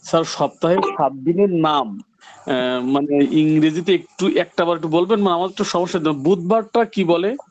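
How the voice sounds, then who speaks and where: A man's voice: fairly high pitch, moderate pace, darkish tone, dry recording. A male student in an online class on a video call, asking his teacher a polite, hesitant question. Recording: dull, slightly noisy call audio.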